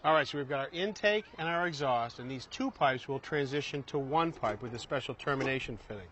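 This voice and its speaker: With background noise behind him, a plain-spoken man hosts a home improvement show and walks through hands-on work step by step, conversationally. His voice is mid-range and a little fast.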